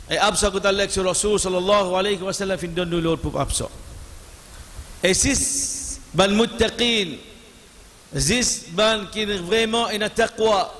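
Male imam, middle-aged, slow stressed preaching with Arabic recitation, long hall reverb. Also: sits high, fairly bright tone. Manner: slow, drawn-out emphasis mixing Arabic recitation into French. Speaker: imam giving Friday sermon. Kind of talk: sermon. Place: large mosque hall, standing at pulpit. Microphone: stand microphone.

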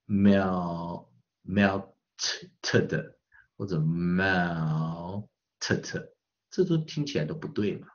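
A male pronunciation teacher giving a classroom lesson, asking the class questions and drilling words by repeating them slowly and stretched out. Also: low voice, darkish tone, dull audio. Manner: asks the class rhetorical questions.

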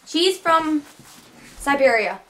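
A woman's voice: high-pitched, lively intonation, takes it slowly, a bit bright, recorded from a distance. A young woman from Miami in a playful, laughing casual chat with friends. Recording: noisy home video.

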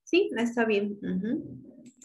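A woman's voice: a little high, lively intonation, slow. Casual: teacher lady running an online class, bossy but patient, lots of examples. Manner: directive, explains patiently with examples.

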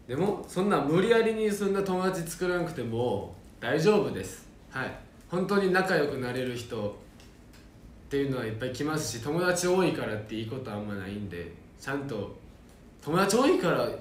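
A man's voice: medium pitch, reverberant, slight background noise. Young man chatting casually on a livestream. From Japan. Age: young adult. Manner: relaxed, reads comments aloud and answers them playfully. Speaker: idol reading fan comments on a livestream.

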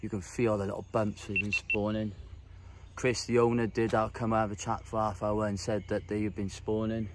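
A man in his thirties presents a fishing guide from a wooded lake bank, giving chatty, informal vlog commentary in short bursts. His voice is on the low side with little pitch movement and a moderate pace, and nature noise comes through clearly in the outdoor recording.

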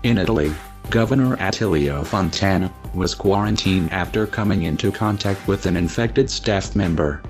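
Anonymous male narrator, disguised deep voice-changer sound, very low, grave scripted read, faint music behind.

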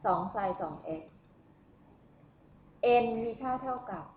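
A woman's voice: on the high side, expressive, slow. A woman lecturing at a university on math, who keeps asking the class questions as she works through the steps. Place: lecture room. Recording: echoey room, tinny phone-like sound, faint noise.

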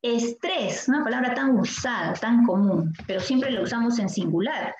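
A woman teacher with a Peruvian Spanish accent, giving a language lesson and asking the class questions, stretching out example words slowly. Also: on the high side, expressive. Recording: echoey room, dull sound, faint noise.

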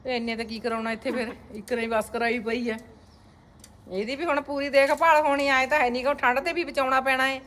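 A woman narrates a chatty home vlog from a family house with a courtyard, addressing her viewers. Her voice sits high with a fairly bright tone and fairly even intonation, and she speaks a little fast. There's slight background noise.

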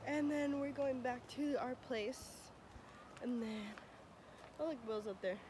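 A woman's voice: high-pitched, a little slow, noisy background. A young woman vlogging on a trip, chatty and laughing, out of breath at times, filming herself outdoors by the water. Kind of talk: casual travel vlog. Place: outdoors at a bay.

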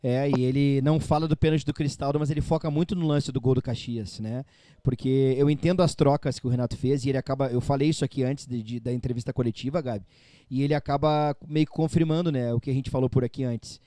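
Fast-talking gaúcho fan-channel host. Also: male voice, medium pitch, fairly even intonation, warm tone, dry recording. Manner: chatty, opinionated, tag questions. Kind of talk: live football post-match talk.

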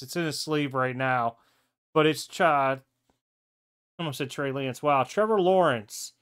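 A man's voice: fairly high pitch, clean tone. A man casually showing off trading cards from his mail at a home desk, chatty and thinking aloud. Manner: relaxed, chatty, thinks aloud and self-corrects. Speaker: sports card collector showing mail. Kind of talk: casual show-and-tell vlog. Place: home desk with card displays, indoors.

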